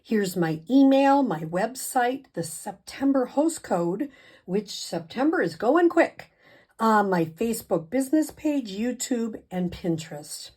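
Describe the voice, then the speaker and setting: A woman hosts a casual craft tutorial in a fairly high voice. She takes her time, explaining each step in a chatty, slightly hesitant way. Her speech carries a slight lisp, like someone fresh from dental work. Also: expressive, a little slow, a little mellow, breathy edge. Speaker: craft demonstrator and video host.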